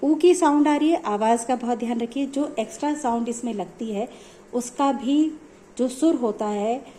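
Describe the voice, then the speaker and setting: A woman's voice: on the high side, moderate pace, warm tone. A woman music teacher explaining notes step by step in a patient, repetitive way. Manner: patient, explanatory, repeats points.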